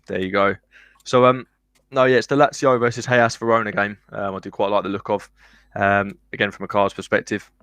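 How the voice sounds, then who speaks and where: A male guest analyst on a live betting stream works through card statistics step by step. His voice sits low, and the sound is dry and close. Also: little pitch movement, brisk, fairly bright tone, clean tone, no room sound. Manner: methodical, lots of ums, reels off stats.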